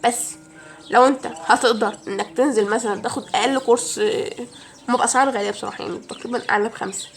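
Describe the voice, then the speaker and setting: Fast-talking young Egyptian woman, high voice. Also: steady tone, slight background noise. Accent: Egyptian Arabic. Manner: chatty, addresses viewer as friend. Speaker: language student giving advice. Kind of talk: casual advice vlog.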